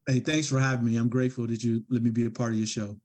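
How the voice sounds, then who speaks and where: A middle-aged man talks as a guest on a podcast, his voice at an ordinary middle pitch. He tells stories earnestly and reflectively, often restarting his sentences. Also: little pitch movement, quick pace, a little mellow. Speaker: guest author. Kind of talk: podcast interview.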